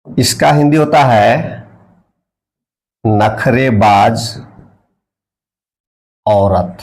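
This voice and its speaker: Slow, gravelly man teaching vocabulary. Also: medium pitch, darkish tone. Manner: spells words out letter by letter while writing; repeats key words and asks the viewer questions. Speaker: English teacher. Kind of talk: classroom-style vocabulary lesson.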